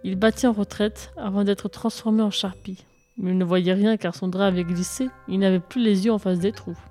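Woman reading a lively storybook. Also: mid-range voice, normal speed, faint music behind. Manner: lively, expressive read-aloud. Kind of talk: storybook narration.

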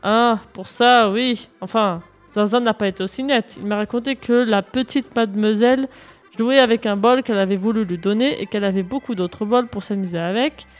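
A woman's voice: medium pitch, moderate pace, close to an everyday voice. A woman voicing a small, dry village cobbler who speaks in a plain, matter-of-fact way, over faint music.

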